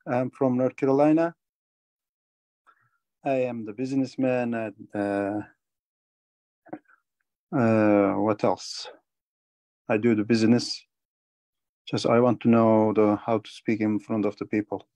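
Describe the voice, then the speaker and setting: Man from Turkey, shy, halting, simple phrasing, mellow tone, dry sound. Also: lowish voice, flat delivery, no room sound. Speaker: student. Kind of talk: halting self-introduction.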